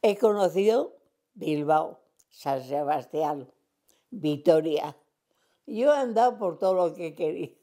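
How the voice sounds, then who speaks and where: A woman's voice: sits low, animated, takes it slowly, pauses often, dark tone. A woman over a hundred, rambling through memories in an oral history interview. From Cantabria, Spain. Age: 100s. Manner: rambling reminiscing, acts out remembered dialogue.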